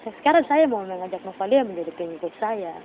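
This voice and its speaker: A woman voicing Lucifer, a menacing male devil king, in a slow low threatening tone over noisy phone-like audio. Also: lively intonation, lightly acted.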